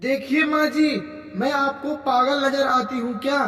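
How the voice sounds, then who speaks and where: Cartoon bahu, young woman, quarrelsome and cheeky, voiced by one actor, very high voice, echoey hall sound. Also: fairly even intonation, unhurried. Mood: defiant. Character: sharp-tongued young daughter-in-law, defiant. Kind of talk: cartoon comedy skit. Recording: echoey, distant, loud music behind.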